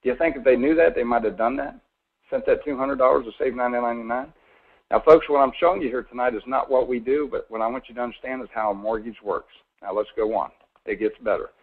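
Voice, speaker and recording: A folksy man gives a live money seminar, stopping often to quiz his audience and slipping in a bit of sarcasm. His voice is somewhat husky. It comes through a thin, phone-like line. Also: mid-range voice, fast. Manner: folksy, asks the audience questions, mildly sarcastic. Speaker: financial seminar presenter.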